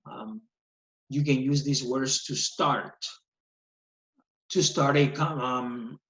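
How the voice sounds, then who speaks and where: Over a video call, a man teaches English, explaining patiently step by step in a mid-range voice with a fairly bright tone. A computer mic picked him up, captured in a screen recording, with echoey, dull call audio.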